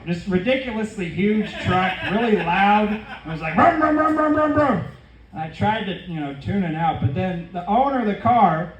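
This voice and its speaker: A man doing deadpan stand-up storytelling with conversational asides to the crowd, at a comedy venue. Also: high voice, slight background noise. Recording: echoey room, distant mic, faint ambience.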